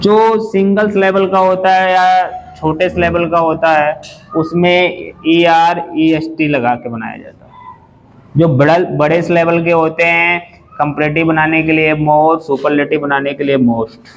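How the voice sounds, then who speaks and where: A man teaching an English grammar lesson to a class. He explains slowly, spells words out letter by letter and often asks the class questions. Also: a little high, fairly even intonation, slight background noise, poor audio.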